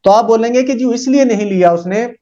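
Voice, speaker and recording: A man teaching a psychology lesson. He reads English lines slowly and explains them with many fillers. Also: extremely high pitch, dark tone. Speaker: psychology lecturer. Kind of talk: lecture reading English text and explaining in Urdu-Hindi. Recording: dull lo-fi recording.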